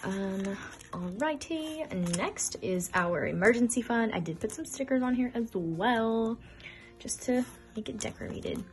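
A woman's voice: on the high side, lively intonation, a little slow. A woman in her twenties chatting casually as she counts bills aloud and stuffs budget envelopes, getting flustered now and then. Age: 20s. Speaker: budgeting vlogger. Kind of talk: casual cash-stuffing vlog. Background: background music.

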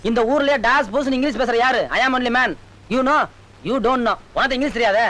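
An actor playing a brash, boastful village bachelor in a film comedy, bossing people around and scolding them. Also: male voice, very high voice, normal speed, sharp tone. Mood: bossy.

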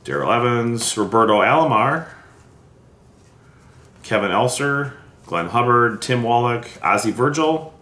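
A middle-aged American vlogger opens vintage sports card packs at a wooden table indoors, giving casual running commentary with playful asides as he sorts the collectibles. His medium-pitched voice is animated, unhurried, and sharp, with frequent pauses. The recording has a roomy echo, background hiss, and handling clicks.

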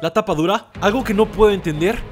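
A young man streaming from a small room into a boom mic, sarcastic and hyper, swearing a lot and calling everyone bro. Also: fast, faint music behind. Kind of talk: comedic vlog. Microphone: desk boom mic.

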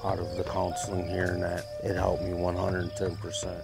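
Deep gravelly man, sincere. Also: monotone, normal speed, over loud music. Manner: sincere, grateful. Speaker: clinic patient. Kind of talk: documentary interview.

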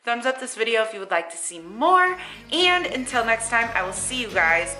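A woman's voice: fairly high pitch, very animated, moderate pace, sharp tone, reverberant, soft background music. A young woman chatting casually to camera in a home vlog, rambling a little with fillers and restarts. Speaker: YouTuber. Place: home room with bare walls.

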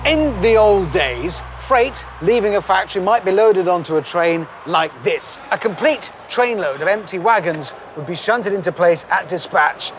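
A man's voice: high voice, moderate pace, hardly any pauses, slight background noise. An English man in his forties presenting on location at a factory, enthusiastic and playful. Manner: enthusiastic, playful, easily excited. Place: outdoors at a rail yard and inside a large factory hall.

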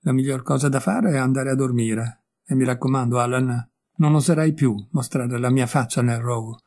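A man reading as a flustered young gentleman. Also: medium pitch, steady tone, moderate pace, natural voice. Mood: earnest. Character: kind-hearted young gentleman, easily flustered. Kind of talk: audiobook character voice.

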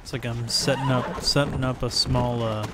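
A man's voice: medium pitch, steady tone, moderate pace, very noisy. A man live-streaming a video game, chatting loosely through his play with casual swearing and filler words. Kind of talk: casual gameplay commentary. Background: game music.

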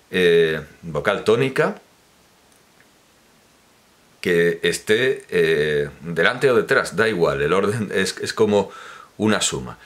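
A man's voice: low-pitched, a bit bright. A man giving a pedantic, corrective spoken monologue, explaining points at length with hesitations and restarts. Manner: lecturing, didactic explanation. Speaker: commentator on language teaching. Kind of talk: spoken monologue, opinion talk.

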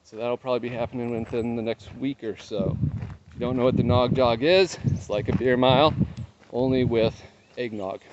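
A man's voice: medium pitch, normal speed. A man in his thirties talking casually to his phone while out on a long run, giving a vlog update. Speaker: trail running vlogger. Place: outdoors on a trail in open nature reserve. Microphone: phone held at arm's length. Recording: muffled lo-fi outdoor phone audio, noisy.

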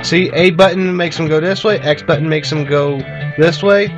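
A gaming video host chats informally and sweary with viewers as folks during gameplay, his voice on the high side and at normal speed. The audio is dull, recorded by an amateur camera aimed at a TV, with video game music in the background.

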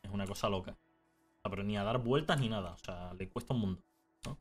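A young Canarian man with a fairly low voice chats casually while streaming a game, teasing and telling stories with lots of animation and quick swings in mood. Faint music plays behind him.

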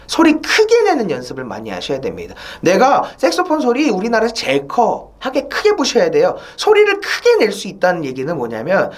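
A woman gives a spoken saxophone lesson, her pitch leaping up and down all the time. She often asks her viewers rhetorical questions and fills gaps with short hesitation sounds. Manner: asks rhetorical questions, many "eo" and "mwo" fillers. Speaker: saxophone teacher.

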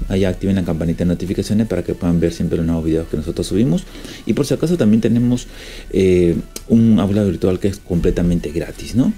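A man's voice: low voice, mellow, breathy edge. A man, an exam prep tutor, chatty and constantly adding tag questions as he works through exam answers. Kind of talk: lesson solving exam questions.

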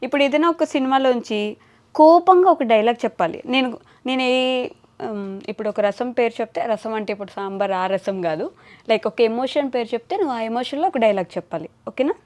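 A woman with a slightly raised pitch runs a casual, playful interview. She teases and jokes as she asks her questions, and laughs readily. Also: animated, fairly quick, a little mellow. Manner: teasing, chatty, laughs often.

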